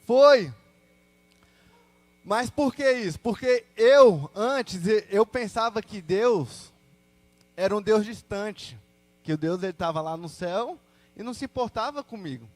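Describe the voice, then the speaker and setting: A young Brazilian man with a notably high voice shares his faith story before a congregation. He talks casually, full of slang, and breaks into quick quoted asides as he goes. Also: lively intonation, no echo. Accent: Brazilian Portuguese. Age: young adult. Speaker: church testimony speaker. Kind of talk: personal testimony to a congregation.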